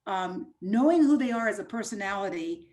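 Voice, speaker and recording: A woman's voice: mid-range voice, animated, normal speed, a little mellow. A woman who teaches voice-over, chatting easily as a guest over a video call, her phrases loose and trailing. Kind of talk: casual interview chat.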